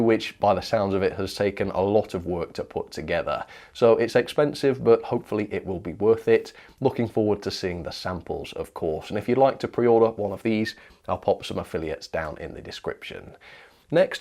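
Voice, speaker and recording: Chatty and eager, a man shares hobby news on his model railway show, giving his opinions freely in a casual product review delivered to camera or as voice-over. He has a lowish, slightly mellow voice.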